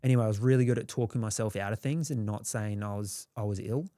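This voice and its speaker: A young Australian man with a lowish, mellow voice talks fast as a guest, telling his story in a candid, rambling way. He swears freely and acts out the quotes, and the clean studio sound has no echo.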